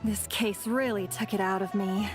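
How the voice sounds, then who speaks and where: A woman's voice: medium pitch, steady tone, normal speed, natural voice. A woman playing a weary, polite law officer with dry humour in a video game, music behind her. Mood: weary, wry. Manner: polite, dryly humorous.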